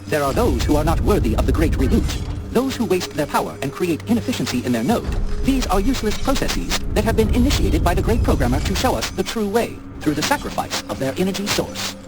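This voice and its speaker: Metallic-filtered robot zealot, high-pitched, swooping intonation, clipped machine-speak, loud music behind. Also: male voice, big pitch swings, fairly quick, long pauses, rough recording. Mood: flat, reasoning. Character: zealous robot cultist, male, cold and logical. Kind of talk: video game dialogue. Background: loud game music.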